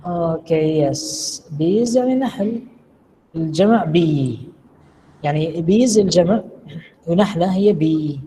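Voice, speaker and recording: A lecturer who speaks slowly and deliberately, quizzing students on word meanings in a lecture room. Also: mid-range voice, lively intonation, dark tone. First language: Arabic. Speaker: English lecturer. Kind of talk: classroom lecture with questions to students. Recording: long reverb, faint room noise.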